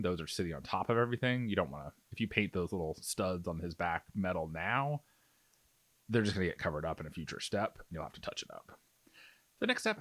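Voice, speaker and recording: In a fairly low voice and a relaxed, chatty style, a man guides viewers step by step through painting miniatures. His intonation is very lively, swooping up and down while he explains things and offers reassurance, and the sound is dry, with hardly any room in it.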